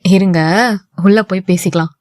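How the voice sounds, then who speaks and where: A woman doing a young man in love, voice lowered. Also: fairly even intonation, normal speed, a little mellow, no echo, studio quality, lightly acted. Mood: cheerful. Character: young man, lovestruck then dejected.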